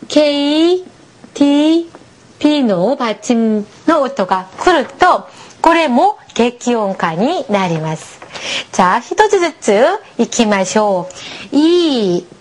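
Slow, clear pronunciation models come from a woman teaching a beginner language class. She sounds high and lively, with a patient, encouraging way about her.

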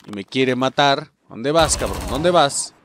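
A man with a Mexican accent commenting on a game he is playing, cursing constantly and shouting at enemies. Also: medium pitch, a little slow, a little hiss or hum. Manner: profane, excitable, shouts at enemies. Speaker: gaming channel host. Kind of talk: let's play commentary.

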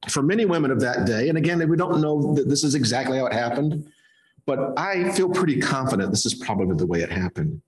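A male pastor preaching a sermon in a church, telling the story in an animated way and acting out gestures. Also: medium pitch, a little fast, reverberant.

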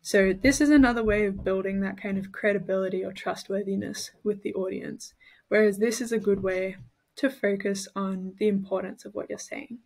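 A woman from Australia working as a tutor, giving an explanatory study-tips lesson in a clear, methodical way and showing emphasis with her own voice. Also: mid-range voice, fairly even intonation, normal speed, a little mellow.

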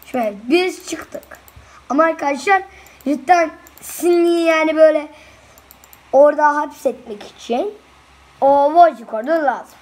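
A woman giving casual, excitable commentary over a video game she is playing. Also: sits high, unhurried. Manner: excitable, chatty, reacts out loud to the game. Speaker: gameplay video host.

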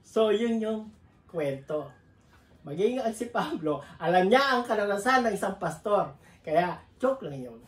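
A woman's voice: mid-range voice, lively intonation, a little slow. A woman preacher giving a sermon, telling a joking story to her congregation in a chatty, storytelling way. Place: church. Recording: roomy echo.

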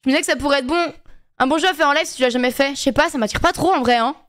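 A woman's voice: sits high, racing, fairly bright tone. A young woman streaming a game, chatting casually and laughing with friends. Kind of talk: casual gaming chat with friends.

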